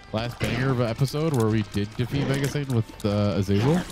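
Over background music, a man with a stuffy, mid-range voice speaks fairly quickly while commenting on a game he's playing at home in front of his monitor. As host of a gaming channel, he keeps it casual and meandering, swearing a lot and using plenty of fillers.

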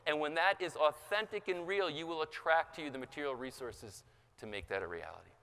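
A man giving an impassioned motivational seminar talk, raising his pitch for emphasis, recorded in a large conference hall. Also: animated, brisk, sharp tone, a little hiss or hum. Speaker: seminar speaker. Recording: large hall with long reverb.

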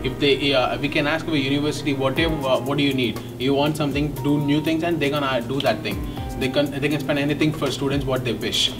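A young man with an Indian English accent, a graduate student giving a rambling, halting testimonial with many fillers. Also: mid-range voice, fairly even intonation. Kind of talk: testimonial interview. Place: indoor studio set. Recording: distant mic, background music.

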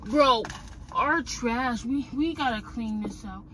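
A woman's voice: fairly high pitch, slow pace, a bit bright, slight background noise. A 21-year-old woman from Ohio, a vlogger casually chatting to her viewers in a slangy, talkative way, at work and in her car. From Ohio, USA. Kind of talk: casual vlog chat to viewers.

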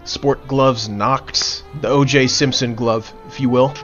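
A man's voice: medium pitch, fairly even intonation, takes it slowly, a bit bright, highs cut off. A young man giving humorous tier-list commentary in blunt, slangy and profane language. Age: young adult. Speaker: video creator rating game skins. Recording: music behind the voice. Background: background music.

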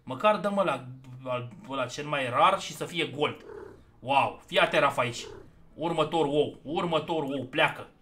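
Bright, excitable young gaming streamer man. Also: on the high side, a little hiss or hum. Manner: excitable, swings between loud outbursts and muttering. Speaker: gaming YouTuber. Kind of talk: casual gameplay commentary.

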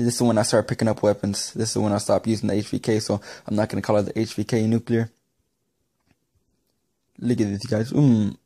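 Young man, mellow voice, gameplay commentary, rambling, excitable, repeats himself. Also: on the low side. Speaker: gaming YouTuber.

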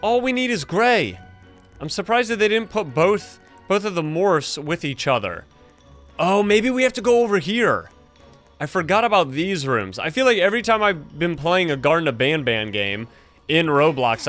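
A young adult man hosting gameplay commentary in an animated, exclaiming way, close on a streaming mic. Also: a little high, normal speed, soft background music. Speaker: gaming video host, streamer.

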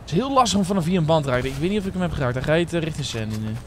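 Chatty young streamer, slightly high voice. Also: male voice, animated, racing, a little hiss or hum. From Netherlands. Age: 20s. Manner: chatty, addresses viewers as guys and bro. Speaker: streamer and server owner. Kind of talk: casual live-stream chat while playing.

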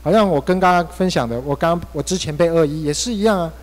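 A Taiwanese-accented male pastor preaches through a personal story, his delivery swinging between hushed and emphatic. His voice sits a little high for a man. The church hall adds a long, lingering reverb. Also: fast. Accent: Taiwanese Mandarin. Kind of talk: sermon.

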